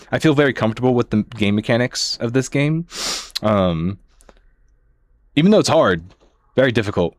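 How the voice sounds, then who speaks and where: Guy streamer w a lowish voice, slangy rambly chat to viewers, dry close headset audio. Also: no room sound. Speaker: amateur livestreamer. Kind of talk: casual livestream chat while gaming.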